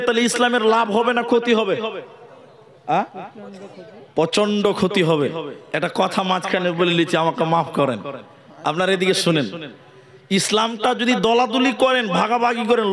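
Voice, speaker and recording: A man from Assam preaching a sermon to a gathering, sometimes singing out recitations, asking the crowd questions and acting out comic stories. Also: high-pitched. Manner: tells comic stories, acting out quarrelling villagers. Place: large outdoor religious gathering.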